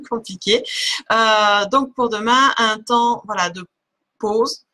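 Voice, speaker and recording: Bright-voiced woman doing a slow card reading. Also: on the high side. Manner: many fillers and restarts, laughs at herself. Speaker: spiritual card reader on a live stream. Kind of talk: live oracle card reading, casual and hesitant.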